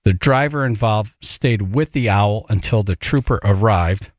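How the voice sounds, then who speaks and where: A man's voice: fairly low pitch, unhurried, no room sound. Male morning radio host, dry self-mocking banter, very dry close mic. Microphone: studio microphone.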